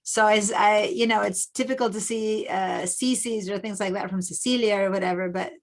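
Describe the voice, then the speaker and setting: Chatty Argentinian teacher on a video call. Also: female voice, mid-range voice, steady tone, a little fast. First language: Spanish. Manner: chatty, warm greetings, rambling asides. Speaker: illustration teacher. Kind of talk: online class instruction. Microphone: Bluetooth headset on video call.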